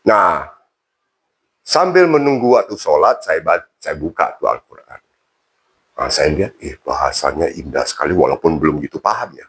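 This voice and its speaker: A man's voice: sits low, big pitch swings, normal speed, pauses often, fairly bright tone, slightly rough. A man telling his own conversion story in a casual interview, chatty and self-mocking. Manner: chatty, colloquial, self-mocking, many fillers.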